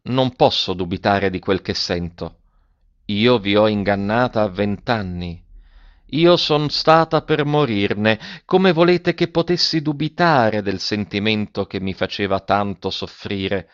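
A man's voice: on the low side, animated, unhurried, no echo, muffled recording. A man reading the part of a proud, wounded young woman in a tense, restrained way. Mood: reproachful.

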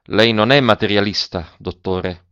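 A man's voice: fairly low pitch, unhurried, clear, resonant tone, no room sound. A man voicing an anxious grieving young man. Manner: hushed, anxious questioning. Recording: dull, dry lo-fi recording.

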